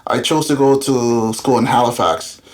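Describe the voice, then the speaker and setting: This Florida-raised entrepreneur, in his thirties, has a medium-pitched voice with fairly even intonation and a moderate pace. As a guest in a laid-back interview chat, he tells his story frankly, rambling and using lots of fillers.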